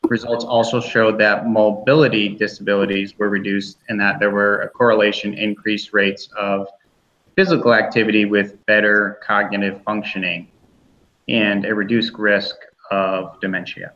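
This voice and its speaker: A man in his thirties from Massachusetts presents to a graduate class in a somewhat low voice. He speaks slowly and haltingly. The recording sounds dull and lo-fi. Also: little pitch movement, fairly bright tone. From Massachusetts, USA. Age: 30s.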